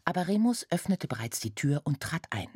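A woman narrating a children's story aloud in a lively, expressive reading. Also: deep voice, fairly quick, breathy edge, dry recording, studio quality.

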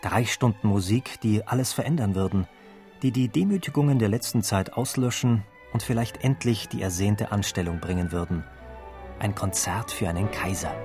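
A man with a fairly low voice narrates a documentary script at a measured, even pace. Soft classical music plays quietly underneath him, and his delivery stays steady and composed throughout. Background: faint classical music.

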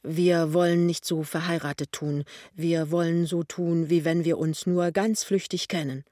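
Storybook young husband, nervous and hurried, plain dry voice, read by a man. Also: fairly high pitch, fairly even intonation, dark tone, no echo, natural voice. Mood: hasty. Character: young man, anxious, hasty, embarrassed.

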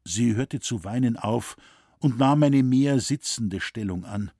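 A man reading a novel aloud with measured, solemn storytelling. He takes his time, his voice is slightly husky, and the sound is close and dry. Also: mid-range voice, warm tone, no echo. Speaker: audiobook narrator. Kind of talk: scripted narration.

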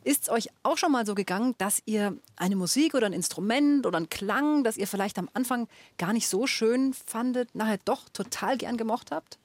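A woman's voice: a little high, moderate pace, darkish tone, dry recording. A woman hosting a children's program, talking casually to the young listeners and asking them questions.

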